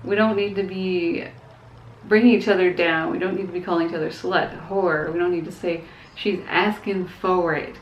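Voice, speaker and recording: A woman's voice: lowish voice, fairly even intonation, brisk, slight background noise. A young woman talking frankly in a casual opinion vlog, earnest but hesitant, with fillers and small laughs. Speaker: vlogger. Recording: echoey, dull room sound.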